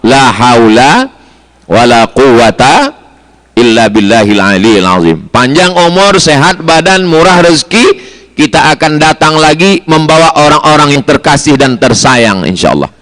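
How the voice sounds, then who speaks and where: A man's voice: medium pitch, fairly bright tone. A man preaching a sermon to pilgrims, mixing storytelling with chanted Arabic phrases and rising, emphatic lists. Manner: chanting Arabic phrases in a sing-song melody.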